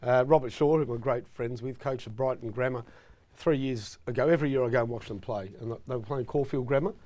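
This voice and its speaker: A man's voice: medium pitch, a little fast, a little mellow. A middle-aged Australian man co-hosting a casual football chat show, opinionated and emphatic as he tells stories. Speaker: co-host.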